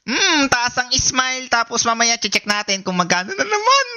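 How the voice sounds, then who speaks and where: A man in his twenties streaming a casual reaction, excitable and profane, rambling and teasing. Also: very high-pitched, moderate pace. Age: 20s. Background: background music.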